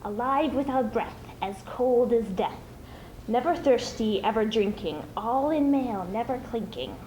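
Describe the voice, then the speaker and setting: A woman voicing Gollum as a greedy, sly cave creature who hisses and whispers in drawn-out, menacing phrases. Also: fairly high pitch, lively intonation, a little mellow. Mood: sly hissing. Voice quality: hissing, breathy whispering. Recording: roomy, noisy amateur stage recording.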